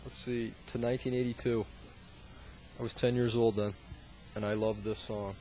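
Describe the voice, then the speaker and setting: A man's voice: medium pitch, level tone, normal speed, music in the background, low-quality recording. A young man in his twenties, a late-night college radio DJ, with dry, joking, laid-back patter.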